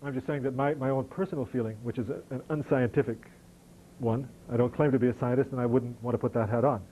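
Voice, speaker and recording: Middle-aged American lecturer in an audience Q&A, warm low voice, wry and self-deprecating. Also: male voice, fairly even intonation, fast, highs cut off, slight background noise. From United States. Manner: conversational, self-deprecating, wry humor, frequent restarts. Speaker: lecturer answering audience questions. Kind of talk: question-and-answer session after a lecture. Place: lecture hall.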